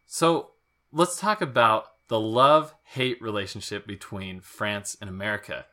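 Bright-voiced podcast co-host man. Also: lowish voice, unhurried. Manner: joking, asks rambling questions. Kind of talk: casual podcast chat.

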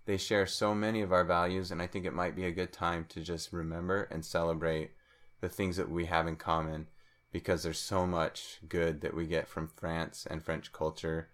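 A man with a very deep, low-pitched voice chats as a guest on a podcast. He thinks out loud, filling pauses with "um" and circling back on his own sentences. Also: little pitch movement. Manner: thoughtful, with frequent fillers and restarts; speaks some French. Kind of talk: casual interview chat.

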